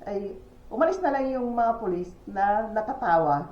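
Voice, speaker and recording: A Filipina woman vlogs outdoors, chatting to her viewers in a gossipy way and telling stories full of exclamations and laughter. Her voice is a little high with lively intonation at a moderate pace. The recording is echoey, dull and lo-fi, with faint ambience.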